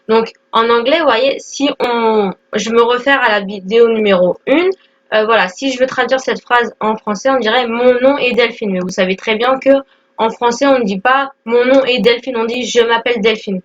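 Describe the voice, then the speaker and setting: A young woman in her twenties walks learners through the basics in a casual lesson, pausing on fillers and checking in often. Her voice sits a little high. The recording sounds dull and lo-fi. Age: 20s. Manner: explains step by step with many fillers and "d'accord?". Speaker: English teacher.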